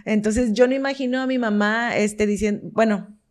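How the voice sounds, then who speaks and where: A woman's voice: medium pitch, steady tone, normal speed. A woman co-hosting a casual religious discussion, agreeing often and using many fillers. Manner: warm agreeing, frequent fillers. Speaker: podcast co-host.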